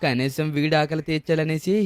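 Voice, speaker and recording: A man with a Telugu accent voices a pleading beggar for a game-video dub. His voice sits high for a man, and his plaintive tone comes through a dry, close recording. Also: little pitch movement, fairly quick, clear, resonant tone, no echo. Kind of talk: dubbed game-video role-play.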